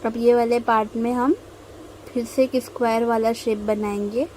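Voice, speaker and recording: Slow-spoken young Indian woman teaching. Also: fairly high pitch, level tone, a little mellow, a little hiss or hum, rough recording. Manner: slow, patient explaining with frequent pauses. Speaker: mehndi tutorial host. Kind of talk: instructional voice-over while drawing.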